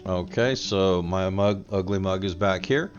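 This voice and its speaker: A man's voice: deep voice, unhurried, highs cut off. A man hosting a let's play, chatting casually with lots of fillers and reading quest text aloud, with game music behind him. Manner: relaxed, with many fillers.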